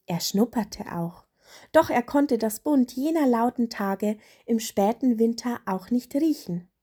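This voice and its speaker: A woman narrating a children's story in a gentle, unhurried way. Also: fairly high pitch, expressive, breathy edge.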